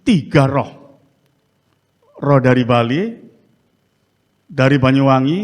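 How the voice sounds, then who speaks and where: A male pastor, telling a testimony in a sermon with animated storytelling and frequent "ya" tags. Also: on the high side. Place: church sanctuary. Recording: reverberant church hall.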